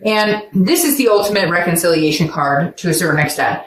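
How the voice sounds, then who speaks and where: A woman reads tarot cards in a chatty, animated way, slipping into voices for quoted lines. Her throat is sore, and the room has a noticeable echo with a faint hum of ambience behind her. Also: lowish voice, fairly quick. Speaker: tarot reader. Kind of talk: casual tarot reading.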